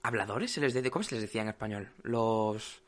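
Bright, rambling man. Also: lowish voice, a little fast. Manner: rambling, full of "o sea" fillers and restarts. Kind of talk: casual chat.

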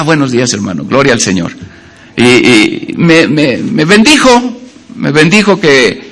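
A man's voice: on the high side, fairly bright tone. A male pastor preaching a sermon, telling homely stories and jokes with many hesitations and fillers.

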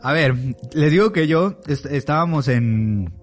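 A young man with a Mexican accent, hosting a podcast and telling a story among friends in an animated way, acting out his friends' lines. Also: fairly high pitch, a little slow, soft background music. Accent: Mexican Spanish. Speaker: podcast host.

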